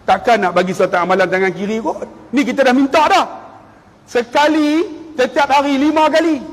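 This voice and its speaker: Animated preacher in his fifties, reverberant hall. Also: extremely high pitch, normal speed. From Malaysia. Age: 50s. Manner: animated storytelling, swings from hushed to loud, acts out quotes. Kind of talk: lively religious lecture. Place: large hall or mosque.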